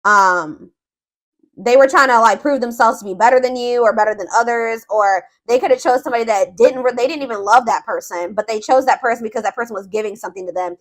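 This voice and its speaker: A fast-talking woman with a fairly high voice reads tarot for viewers as a host, keeping it informal and conversational. She works through her thoughts aloud, searching for words, and makes emphatic points.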